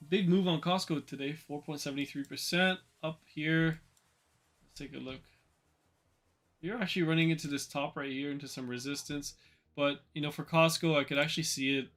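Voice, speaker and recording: A man's voice: a little high, steady tone, brisk, fairly bright tone. A man hosting a casual trading livestream, chatting loosely and answering viewers with fillers and repeated words. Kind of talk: casual livestream market commentary.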